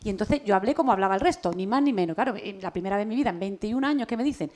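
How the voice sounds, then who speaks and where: A woman from Almería, a podcast co-creator and radio journalist, telling stories in a lively way in a casual radio interview. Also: medium pitch, rapid-fire. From Almería, Spain. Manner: lively, animated storytelling.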